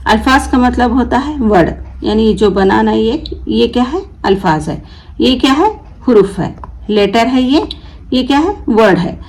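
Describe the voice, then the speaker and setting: A woman teaching a reading lesson at a slow, unhurried pace. Her voice has a gravelly fry to it. She sounds out letters patiently and asks questions that she then answers herself. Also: fairly high pitch, expressive, darkish tone, low-quality recording. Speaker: Urdu teacher.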